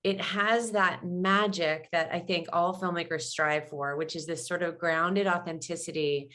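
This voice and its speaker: A woman moderates a panel over a video call, her voice on the lower side. She is openly enthusiastic and gushing, and she fills her sentences with filler words as she talks. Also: fairly even intonation, measured pace, fairly bright tone. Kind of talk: casual panel conversation.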